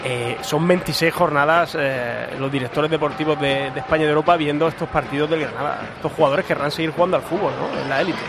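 A man with a Spanish accent from Spain analysing a live football match in a halting, exasperated way, repeating words. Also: on the high side, steady tone. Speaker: football pundit. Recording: noisy stadium commentary position. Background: crowd and ambient noise.

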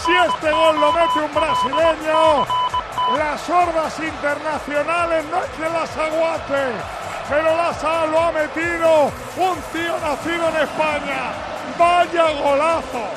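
A man with a Castilian accent calls football in breakneck goal commentary, his voice pushed very high. He shouts excitedly and hammers words over and over, with music clearly behind him on the broadcast. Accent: Castilian Spanish.

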